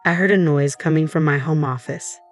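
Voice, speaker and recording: Young adult woman narrator, low voice, steady dramatic storytelling over faint music. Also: a little fast. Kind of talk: scripted first-person story narration. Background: faint background music.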